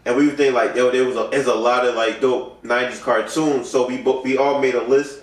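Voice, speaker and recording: A man's voice: medium pitch, fairly even intonation, brisk. Laid-back man hosting a podcast. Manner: loose, laid-back slang with constant "you know what I'm saying". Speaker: podcast host. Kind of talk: casual podcast chat. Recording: roomy echo, mic far off.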